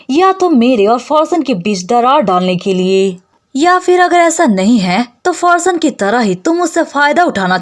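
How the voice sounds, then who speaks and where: A woman voicing a proud young noble lady in a storybook-style recap, sounding cold and accusing. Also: on the high side.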